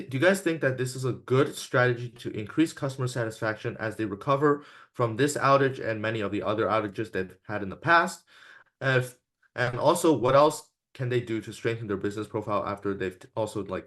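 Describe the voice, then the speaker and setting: A teenage boy leading questions on a casual podcast, speaking at an ordinary pitch. He talks haltingly, hedging a lot and trailing off while he gathers his thoughts. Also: a bit bright. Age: teens. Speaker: podcast co-host asking the questions. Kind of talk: casual discussion.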